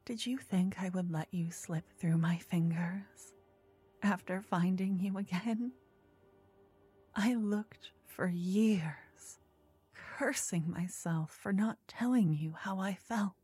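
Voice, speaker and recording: Woman acting a sultry, breathy soft-spoken obsessive lover, ASMR role-play. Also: on the low side. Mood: gloating, tender. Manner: sultry, breathy, slow, soothing narration to the listener. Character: obsessive lovestruck woman poisoner, tender, possessive fantasy stalker.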